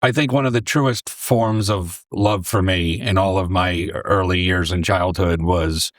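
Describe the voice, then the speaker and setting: A man from New York in his forties, a deli owner and former English teacher, telling his story in a relaxed, rambling way on a close podcast mic. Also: low voice, a little slow, no echo. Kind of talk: casual interview storytelling.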